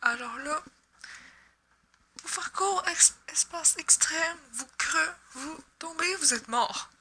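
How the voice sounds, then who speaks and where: High, bright Québécoise gamer woman. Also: slow pace, a little hiss or hum. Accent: Québécois French. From Quebec. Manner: chatty, joking, swears when she misses. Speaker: gaming YouTuber. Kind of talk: casual gameplay commentary.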